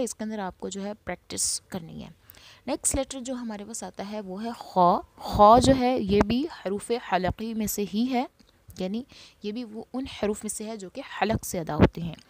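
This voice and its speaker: A woman teacher giving a recorded lesson on Quranic recitation, explaining where each letter comes from and saying the letters slowly and loudly as examples. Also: medium pitch.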